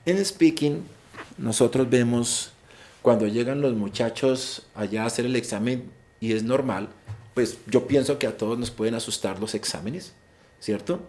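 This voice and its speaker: In an online session, a man with a Colombian Spanish accent advises students on an English exam, explaining the rules, repeating and restarting words, and stressing key advice. His medium-pitched voice is a little mellow and moves at normal speed.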